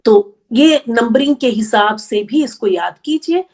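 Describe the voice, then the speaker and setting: A woman teaching an Arabic grammar class, explaining patiently step by step and counting slowly aloud. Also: fairly high pitch, expressive, darkish tone. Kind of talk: online class lecture.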